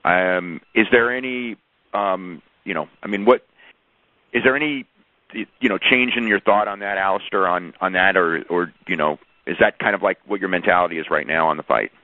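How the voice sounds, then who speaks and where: A man's voice: deep voice, moderate pace, dry recording. A male sports reporter asking wordy, stumbling questions on a press conference call over the telephone. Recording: narrow, muffled telephone line.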